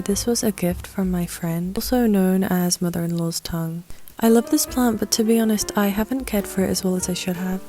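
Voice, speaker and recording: A woman with a slightly low, soft-toned voice talks in a casual, chatty vlog style. The recording carries the echo of a large room, with faint music underneath. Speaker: vlogger.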